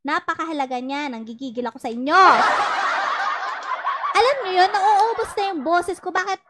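A woman's voice: very high-pitched, fast, heavy background noise. A young Filipino woman hosting a casual advice talk, teasing and laughing often as she mixes in English. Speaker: podcast host giving love advice.

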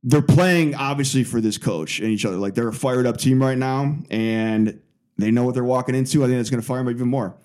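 A man's voice: medium pitch, a little fast, a little mellow. A man co-hosting a sports podcast, talking in a loose, rambling way with lots of fillers. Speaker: podcast co-host. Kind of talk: casual sports chat.

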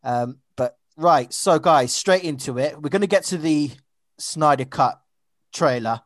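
A man's voice: fairly high pitch, a little slow, no echo, clean studio sound. Chatty man hosting a podcast. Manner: upbeat, chatty, filler-heavy. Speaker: podcast host. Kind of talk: casual podcast chat.

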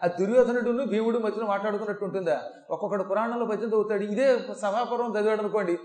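A man with a fairly high voice delivers a devotional discourse on scripture. He tells it in an animated way, shifting his voice to dramatize the verses, and his voice carries with a roomy echo. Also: fast talker. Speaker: Puranic discourse speaker. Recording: echoey hall recording.

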